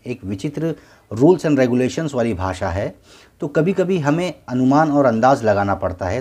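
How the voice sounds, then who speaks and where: A man's voice: medium pitch, dark tone, slightly rough. A man teaching a beginners' English lesson, patiently spelling words out letter by letter and repeating each word twice.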